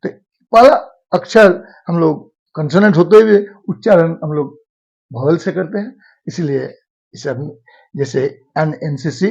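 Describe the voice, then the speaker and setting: A male teacher works through a grammar lesson, repeating each point and drawing out the examples. He speaks at an unhurried pace in a husky voice. The recording sounds dull and lo-fi. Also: fairly high pitch, a little mellow. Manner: slow, repetitive, drawn-out explaining.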